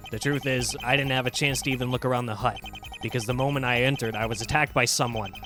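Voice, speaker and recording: A man's voice: mid-range voice, fairly even intonation, fast, close to an everyday voice. A man voicing a desperate male defendant in a game, pleading emphatically. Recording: game music behind.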